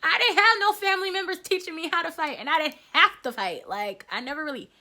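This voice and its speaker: A young adult woman chatting casually in a storytime vlog, telling a story in a lively, slangy way. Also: extremely high pitch, fast. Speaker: vlogger.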